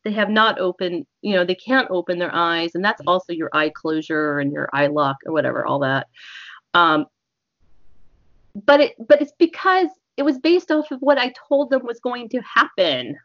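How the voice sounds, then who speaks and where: Woman, slightly low voice, chatty explainer on a dull lo-fi recording. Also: lively intonation, moderate pace. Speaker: hypnotist interview guest. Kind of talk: conversational explanation with demonstrated hypnosis suggestions. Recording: echoey, muffled lo-fi call audio.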